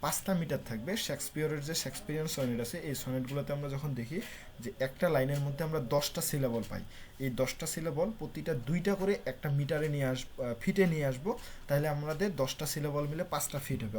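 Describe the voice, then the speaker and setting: A man's voice: on the high side, fairly quick, a little mellow, a little hiss or hum. A young man teaching an online class, mixing English terms into his explanations with frequent "uh" fillers. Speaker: lecturer.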